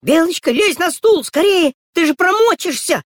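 A woman's voice: fairly high pitch, sing-song, no room sound, voice pushed up. Tamarochka, a bossy little girl, as a woman puts her on. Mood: panicked. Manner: bossy, coaxing, fast childlike talk.

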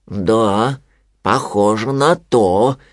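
A man voicing a gentle young bear cub in a storybook, slow and hesitant. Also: mid-range voice, animated, dry recording, clean studio sound, natural voice.

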